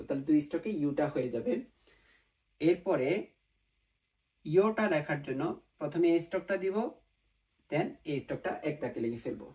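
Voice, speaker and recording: Male language teacher, mellow tone, patient, repeats each sound, recorded off-mic. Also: on the high side, far from the mic. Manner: mixes English words into explanations. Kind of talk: online language lesson.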